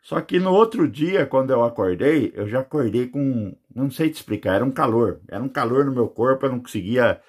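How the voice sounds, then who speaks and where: Brisk with few pauses, a Brazilian man at medium pitch tells his near-death experience with lively intonation, his tone darkish and slightly rough. An adult with children, he rambles through this personal testimony, filling it with fillers in his Brazilian Portuguese accent.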